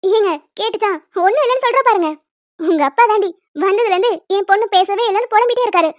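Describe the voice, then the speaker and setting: A woman voicing a calm young wife and mother who soothes her husband with light amusement in a cartoon. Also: very high voice, quick pace, dry recording. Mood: soothing. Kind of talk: cartoon voice acting. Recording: dull lo-fi dry recording.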